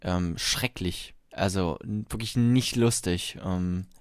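A man's voice: low-pitched, slow pace, clear, resonant tone, dry recording, studio quality. A man co-hosting a casual podcast chat, wry and teasing, who drops English phrases into his talk. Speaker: podcast co-host.

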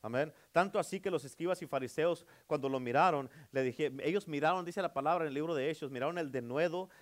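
A man, a pastor preaching a sermon, calling out amen often and swinging between loud declarations and hushed passages. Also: a little high, fast talker.

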